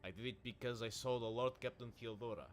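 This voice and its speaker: A man's voice: medium pitch, fairly even intonation, fast talker, slight background noise, close to an everyday voice. A man voicing a stern, proud older male seneschal and former navy officer, who speaks in a formal, reproachful way. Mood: earnest.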